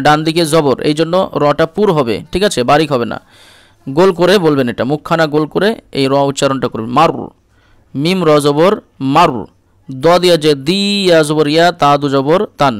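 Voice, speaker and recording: Male Quran tutor, slightly high, smooth clear voice, dry close sound, spells out letters then chants words slowly. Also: no echo. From India. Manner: checks in often with the listener. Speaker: Quran reading teacher. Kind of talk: step-by-step recitation lesson.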